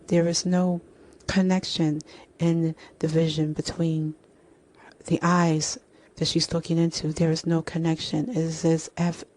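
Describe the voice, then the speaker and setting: A woman narrating a story slowly and deliberately, with repetitions. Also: low-pitched, warm tone. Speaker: speaker.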